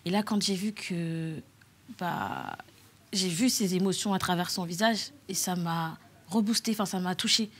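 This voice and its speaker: A young woman with a French accent telling her own story as a talk show guest, halting, with many fillers and restarts. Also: lowish voice, slightly rough. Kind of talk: personal testimony on a talk show.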